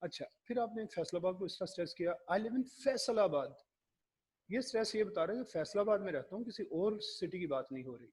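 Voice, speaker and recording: A man giving a classroom lecture, explaining slowly and acting out his examples. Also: sits high, a little mellow, slightly rough.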